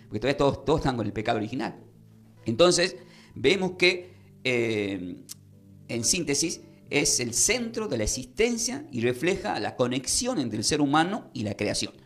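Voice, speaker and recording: A man's voice: mid-range voice, sing-song, moderate pace, soft background music. Man preaching a Bible-study sermon. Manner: teaching, asking the congregation to repeat phrases. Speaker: pastor.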